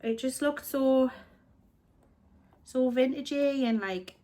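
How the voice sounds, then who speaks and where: Taking it slowly, the British woman speaks in a dark tone, though her voice still sits a little high for a woman. A chest infection leaves her a bit snuffly as she rambles through a casual vlog about thrift finds, often correcting herself as a reseller.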